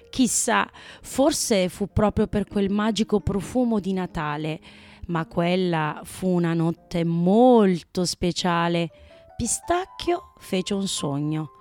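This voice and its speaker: Slow, gentle woman reading a storybook. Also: on the low side. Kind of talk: children's storybook narration.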